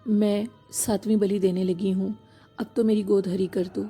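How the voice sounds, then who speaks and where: Lady reading out a sinister woman chanting over a sacrifice, husky gravelly voice, faint music. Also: mid-range voice, level tone, warm tone. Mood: fervent. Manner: chanting, fervent. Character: childless woman making a sacrifice at a temple.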